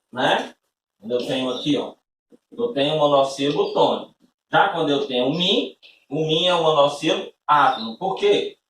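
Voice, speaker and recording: A man's voice: on the high side, a bit bright, recorded from a distance, a little hiss or hum. Male teacher in an echoey room. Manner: patient step-by-step explaining, frequent tag questions. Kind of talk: recorded classroom-style lesson.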